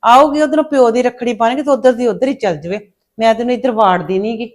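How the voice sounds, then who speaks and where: A woman's voice: on the high side, fast, lightly acted. A woman playing a jealous young mother who grumbles bitterly about her husband's sister. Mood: spiteful. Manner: bitter muttering.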